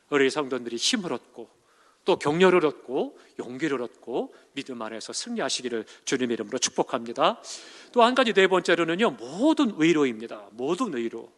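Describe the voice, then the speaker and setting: Impassioned pastor preaching in a reverberant hall. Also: male voice, medium pitch. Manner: emotive preaching that swings from loud emphasis to soft hushed asides. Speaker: senior pastor. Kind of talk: sermon. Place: church sanctuary. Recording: church hall with long reverb.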